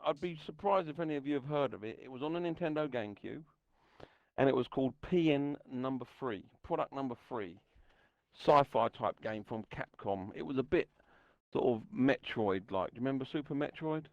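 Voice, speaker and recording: Casting: man, mid pitch, blunt, keen gamer banter, dry close mic. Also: a little fast, no room sound, muffled recording. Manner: enthusiastic, blunt, banter with mild swearing. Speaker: gaming stream co-host. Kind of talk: casual chat on a gaming stream.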